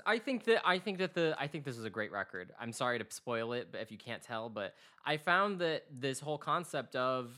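With a bright, forceful, mid-range voice, this music podcast co-host in his twenties rambles earnestly through casual chat, restarting again and again.

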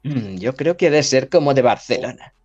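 A man's voice: mid-range voice, normal speed, highs cut off, soft background music. A man with a Mexican accent hosting a podcast in casual, joking chat and reading out listener comments. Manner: animated, jokey, reads listener comments. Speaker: podcast host.

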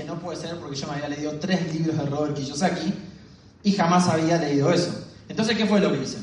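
A man with an Argentine accent, speaking fast as a motivational business speaker, telling stories and chatting with a live audience. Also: fairly high pitch. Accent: Argentine Spanish. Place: large echoey hall. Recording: echoey hall, mic far off.

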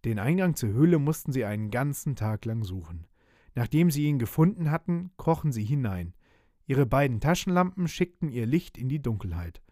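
Male storyteller for a children's pirate tale, animated, dry studio read. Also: medium pitch, normal speed, no room sound. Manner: lively, expressive, voices the characters. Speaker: narrator. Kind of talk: storybook reading.

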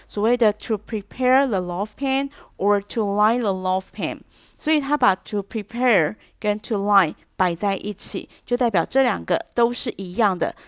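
A middle-aged woman with a Taiwanese Mandarin accent, hosting an English lesson and explaining patiently and clearly. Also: mid-range voice, dry recording. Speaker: English teacher podcast host.

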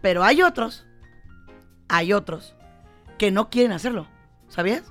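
A woman's voice: medium pitch, a little slow, soft background music. A woman, a psychologist on a casual talk show, teasing her co-host and giving frank advice to viewers. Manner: lively, teasing, gives advice directly to viewers.

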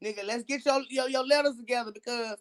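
A woman's voice: fairly high pitch, fast talker. A woman co-hosting a podcast in casual chat, ranting in a profane, mocking way. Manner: profane, heated, mocking rant. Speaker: podcast co-host.

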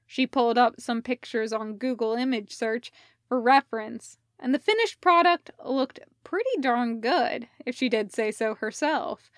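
A podfic reader narrates a fan fiction story aloud from a script, acting out the dialogue. Her voice is on the high side and unhurried, recorded at studio quality with no echo.

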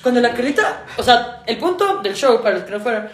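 A young woman, co-hosting a podcast in casual chat and telling stories quickly, often laughing. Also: a little high. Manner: fast, laughing, animated storytelling. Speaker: podcast co-host and stand-up comedian. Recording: roomy echo.

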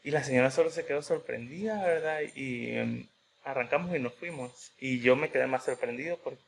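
A man's voice: mid-range voice, moderate pace, gravelly, a little hiss or hum. A man preaching a sermon in a conversational way, telling a personal story and often adding a questioning tag.

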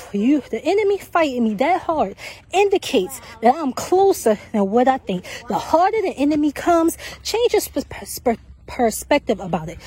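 A woman podcast host walks outdoors on a track, out of breath, giving casual and repetitive faith-based encouragement. Her voice is high and husky with a darkish tone.

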